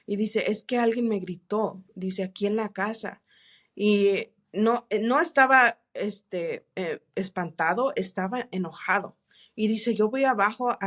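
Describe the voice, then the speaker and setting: A woman telling her faith testimony in an interview, earnest and halting, with many restarts and English words mixed in. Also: mid-range voice. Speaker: interview guest. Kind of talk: testimony in a church podcast interview.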